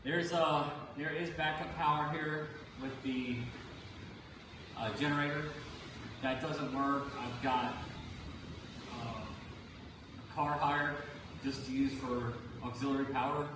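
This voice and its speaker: A man's voice: medium pitch, fairly even intonation, slow, long pauses. A man hosting a live storm stream, talking casually as he gives commentary on the conditions. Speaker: storm chaser livestream host. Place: on location on a Caribbean island before hurricane. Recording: distant mic, echoey, noisy ambience. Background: clear outdoor ambient noise.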